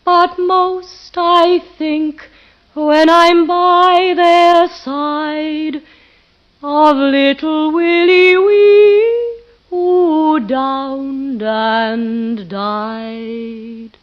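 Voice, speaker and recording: A woman's voice: high voice, fairly even intonation. A wistful singing village girl. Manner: slow, wistful ballad singing. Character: lovelorn young village woman singing while scrubbing. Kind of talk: 1950s radio play singing. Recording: dull old radio broadcast with faint music.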